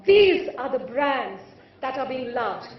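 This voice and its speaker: Very high-pitched woman orating in an echoing hall. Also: big pitch swings. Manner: theatrical, rhetorical, deliberate pauses and repetition. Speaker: conference keynote speaker. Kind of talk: formal podium speech to an audience. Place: large event hall. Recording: echoey hall, distant mic, muffled.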